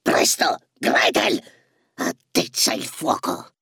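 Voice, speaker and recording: A cackling, cruel old witch, as a male narrator puts her on, with a gravelly, creaky voice. She talks slowly and sneers, her pitch swooping wildly high and low. The sound is dry and close, as in a storybook recording. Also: wildly swooping pitch, bright, forceful tone, no room sound, exaggerated voice. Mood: commanding. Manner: slow, sneering, shrill swoops. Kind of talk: storybook reading.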